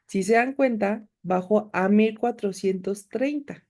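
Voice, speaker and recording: A woman teaches an online class in a soft, mellow voice. She explains patiently, addressing her students directly as she walks them through each step. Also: medium pitch, unhurried, a little hiss or hum. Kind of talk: recorded class with screen demo.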